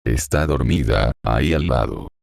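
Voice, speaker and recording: A man's voice: extremely low pitch, moderate pace, creaky, darkish tone, no echo, clean studio sound, exaggerated voice. A man reading the part of a grieving, confused old man in an audiobook, murmuring in a hollow voice as if talking to himself.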